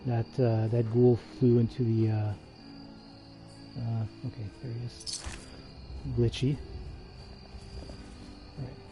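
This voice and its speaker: A man's voice: mid-range voice, flat delivery, takes it slowly, pauses often, over music. A man streaming a game, giving casual, hesitant commentary with many fillers and restarts. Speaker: gaming livestreamer.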